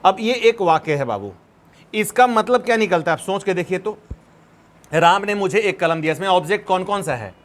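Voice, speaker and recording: A man's voice: high-pitched, expressive, normal speed. A man teaching a grammar lesson, patiently dictating examples word by word and asking the students questions. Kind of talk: grammar lesson, explaining step by step.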